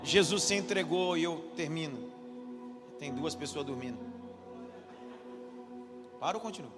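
High-voiced pastor preaching in a hall. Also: male voice, a little slow. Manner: preaching with rising intensity, repeating lines. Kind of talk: sermon. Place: church hall. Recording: hall reverb with faint music.

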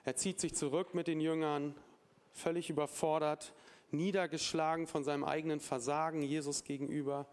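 Male preacher, slightly high voice, lively storyteller who acts out the dialogue, casual asides. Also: normal speed. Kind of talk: sermon with Bible reading.

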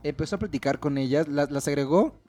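A man with a Mexican Spanish accent, chatting casually with friends. He tells stories in a slangy, animated way and acts out the quotes. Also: on the high side, fast, soft background music. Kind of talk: casual chat among friends.

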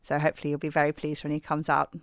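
A woman's voice: deep voice, completely flat delivery, racing, dry recording. A middle-aged woman hosting a scripted comedy podcast, delivering a countdown of her husband's habits in a dry, exasperated way. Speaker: host. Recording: music bed behind the voice.

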